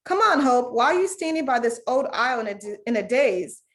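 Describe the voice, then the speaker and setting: A man's voice: very high voice, animated, a bit bright, pitched above the performer's own voice, exaggerated voice. A woman reading aloud the lines of an impatient grown man who hurries a child along in a store. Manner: impatient, brisk.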